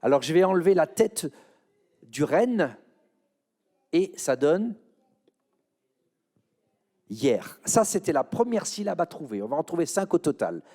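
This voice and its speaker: Man, French accent, playful quiz host, animated, a bit high. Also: a little slow, pauses often. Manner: playful, coaxing answers from kids. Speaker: children's show presenter. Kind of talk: leading an interactive quiz with an audience.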